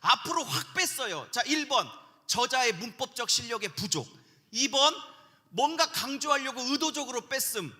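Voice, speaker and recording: Brief: male pastor, bright piercing tone, lively call-and-response preaching, big church hall reverb. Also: very high-pitched, normal speed. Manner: animated, call-and-response with the congregation. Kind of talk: sermon lecture at a pastors' seminar. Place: large church sanctuary. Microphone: handheld microphone.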